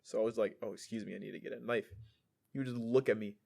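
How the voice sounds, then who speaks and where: A man's voice: fairly low pitch, steady tone, quick pace, vocal fry, darkish tone. A man co-hosting a podcast, telling a story in casual chat, full of fillers and laughter. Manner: storytelling with frequent likes and laughter. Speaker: podcast co-host.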